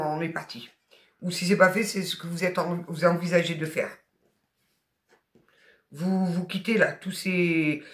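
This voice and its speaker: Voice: medium pitch, fairly bright tone, echoey room. Emphatic tarot reader with a Southern French accent. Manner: emphatic, colloquial, encouraging, blunt asides. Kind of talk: spoken tarot guidance reading.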